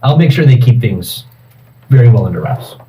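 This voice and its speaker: Male player, polished in-character patter, dark timbre, distant mic with faint hum. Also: mid-range voice, animated, normal speed. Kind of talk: in-character tabletop role-play.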